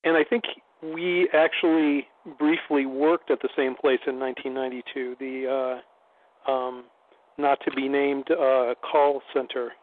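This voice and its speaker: A man's voice: mid-range voice, flat delivery, measured pace. A middle-aged man chatting casually as a guest on a three-way phone call. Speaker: podcast guest. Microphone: telephone call. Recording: tinny phone-line sound.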